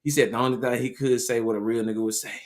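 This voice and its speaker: A man with a Southern American accent co-hosting a podcast, telling a story in a loose, animated way and laughing often. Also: mid-range voice, racing. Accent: Southern American English. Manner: animated storyteller, laughs often, keeps saying "you know what I'm saying". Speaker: podcast co-host. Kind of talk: casual chat, storytelling.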